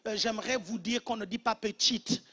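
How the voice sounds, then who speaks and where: A man's voice: high-pitched, normal speed, pushed and bright. A man preaching a humorous sermon as pastor, teasing the congregation playfully and mimicking accents.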